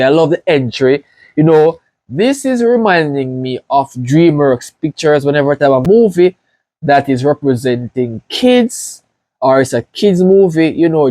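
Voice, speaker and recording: A Jamaican man with a Jamaican accent hosts a casual reaction video, gushing excited praise to his viewers. His pitch is fairly high, and the recording is dry.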